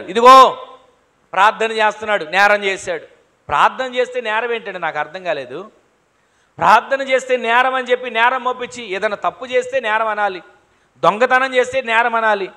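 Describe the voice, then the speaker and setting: A man's voice: very high voice, bright, forceful tone. A man preaching a sermon to his congregation, repeating phrases and asking rhetorical questions, often calling on them to say amen. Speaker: pastor. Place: church hall.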